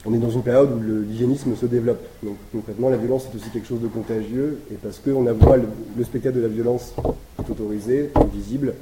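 A man giving an academic talk, explaining step by step and pausing often to find his words. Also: medium pitch, fairly even intonation. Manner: explanatory, thinks aloud with frequent pauses. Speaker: lecturer presenting historical research. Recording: echoey room with background noise.

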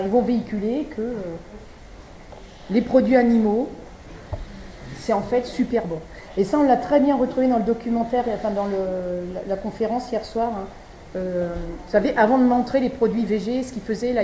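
A woman's voice: mid-range voice, moderate pace, mellow. A woman from Brittany giving a conversational talk at a conference, with frequent fillers and restarts. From Brittany, France. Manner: chatty, many fillers and restarts. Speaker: speaker at a vegan event. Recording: echoey room, faint background noise.

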